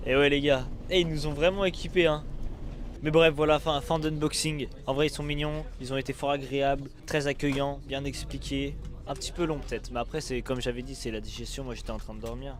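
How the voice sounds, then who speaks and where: A man's voice: a little high, brisk. Joking teenage boy filming on a phone. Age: late teens. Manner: joking, excitable, slangy. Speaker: student vlogger. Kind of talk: casual travel vlog. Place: on the move, outdoors in a city, on a coach and in a museum. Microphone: phone held while filming.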